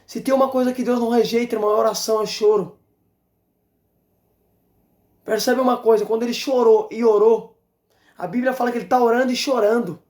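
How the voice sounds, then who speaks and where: A man's voice: very high voice, a little mellow. Fervent evangelist man in echoey room. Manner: fervent and exhorting, repeats phrases, exclaims praise. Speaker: evangelist preacher. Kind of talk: fervent sermon. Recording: roomy echo.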